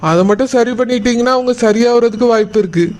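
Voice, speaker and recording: A performer voicing a calm, polite hospital doctor in a cartoon, speaking in a measured, formal way. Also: mid-range voice, close to an everyday voice. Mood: solemn. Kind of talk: cartoon voice acting.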